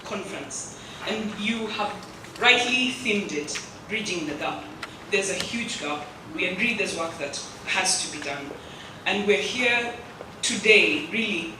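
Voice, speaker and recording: Measured government delegate, echoey hall. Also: mid-range voice. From Kenya. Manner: measured and diplomatic. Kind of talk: formal address. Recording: echoey hall, distant mic, noise.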